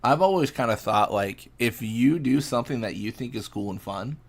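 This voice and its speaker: Laid-back young man with gravelly voice. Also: medium pitch, normal speed. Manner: laid-back, rambling, reacts to game with mild exasperation; answers chat questions casually. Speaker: streamer. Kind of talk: casual live-stream chat while gaming.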